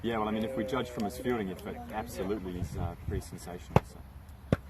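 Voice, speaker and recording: A man's voice: fairly low pitch, fast, very noisy. A man giving casual, joking live commentary on a local cricket match outdoors at a cricket ground. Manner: chatty, joking.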